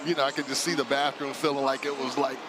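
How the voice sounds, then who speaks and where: A man's voice: mid-range voice, flat delivery, fast talker, noisy background. A man working as a football color commentator, chatty and laughing easily as he breaks down plays. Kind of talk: live sports analysis.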